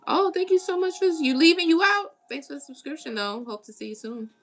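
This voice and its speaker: A woman's voice: high-pitched, animated, fairly quick, soft background music. A woman from the United States hosting a tarot live stream, chatting casually and greeting viewers as she reads their comments. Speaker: tarot reader.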